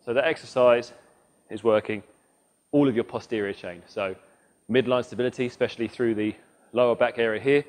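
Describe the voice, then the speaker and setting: A man's voice: mid-range voice, fairly even intonation, a little fast, a little mellow. Male coach demonstrating a workout. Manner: instructive, demonstrates moves while talking. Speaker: fitness coach. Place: large gym indoors. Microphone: lapel mic.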